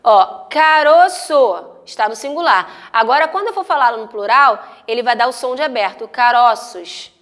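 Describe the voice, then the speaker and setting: Woman, Brazilian Portuguese accent, high voice, teacher, patient step-by-step explaining, stretched-out example words. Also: expressive, a bit bright. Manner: drawn-out, carefully spoken example words. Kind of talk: recorded classroom lesson for children.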